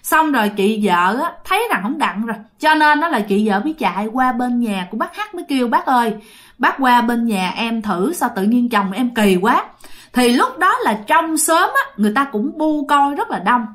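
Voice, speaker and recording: A woman's voice: a little high, a bit bright. A woman retelling a ghost story in a chatty way, often addressing her listeners directly.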